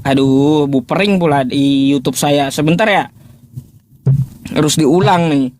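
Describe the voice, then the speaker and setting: A man casually questioning an opponent in a livestreamed debate, incredulous and mocking, often breaking off to search his notes. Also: a little slow. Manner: animated pitch swings, thinks aloud while searching notes.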